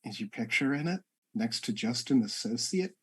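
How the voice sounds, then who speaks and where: A man's voice: medium pitch, expressive, normal speed, breathy edge. A man playing casually in character in a tabletop game, sarcastic and sweary. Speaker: player.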